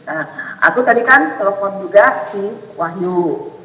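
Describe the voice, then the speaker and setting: A woman on a recorded phone call, played back over loudspeakers, explaining at length with many fillers. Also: mid-range voice, lively intonation, measured pace. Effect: recorded phone call played over courtroom loudspeakers. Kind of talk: casual phone conversation. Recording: echoey hall audio played from far off.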